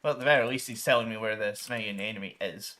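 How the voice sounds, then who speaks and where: A man's voice: lowish voice, fast, bright, forceful tone. A man casually talking through his strategy game session, rambling with frequent ums and restarts. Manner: rambling, many ums and restarts, mild swearing substitutes. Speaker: gaming streamer. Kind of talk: casual gameplay commentary.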